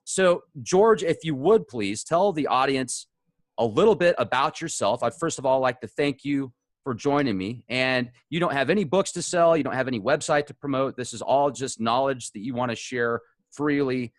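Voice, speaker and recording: A man's voice: medium pitch, moderate pace, dry recording. A man hosting an interview, talking in a loose, chatty way. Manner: chatty, loose, laughs now and then. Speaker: interview host. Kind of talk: casual interview chat.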